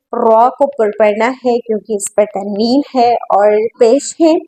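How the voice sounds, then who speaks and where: Patient woman teaching slow recitation. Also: fairly high pitch, darkish tone, poor audio. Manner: patient, drawn-out syllable-by-syllable recitation mixed with quicker explanations. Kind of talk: tajweed lesson, spelling out letters and vowels slowly.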